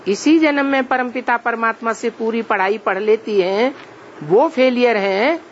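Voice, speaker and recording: A man giving a religious discourse, explaining slowly and asking rhetorical questions of his listeners. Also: very high-pitched, muffled recording, a little hiss or hum. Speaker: spiritual teacher.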